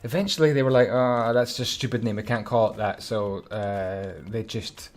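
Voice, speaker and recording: A man's voice: lowish voice, fairly even intonation, moderate pace, darkish tone. A Scottish man chatting casually while building a game level, humming and muttering to himself as he concentrates. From Scotland. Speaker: Minecraft YouTuber.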